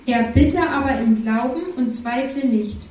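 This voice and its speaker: A woman's voice: a little high, unhurried, darkish tone, dull audio. A woman interpreting a sermon into German, steadily repeating each line after the preacher. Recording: echoey hall, distant mic.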